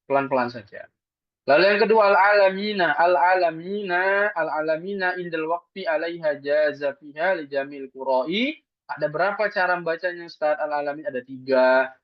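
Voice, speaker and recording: A man's voice: a little high, moderate pace, no echo. A man teaching Quran recitation in an online lesson, explaining patiently step by step and asking and answering his own questions. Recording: dull dry lo-fi sound.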